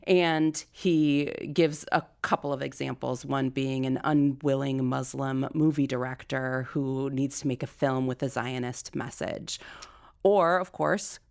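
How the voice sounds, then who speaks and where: A woman's voice: very deep voice, fairly even intonation, unhurried, vocal fry, a little mellow, smooth. A woman co-hosting a podcast, talking frankly and with exasperation about court rulings, laughing often. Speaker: podcast co-host. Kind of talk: casual legal discussion.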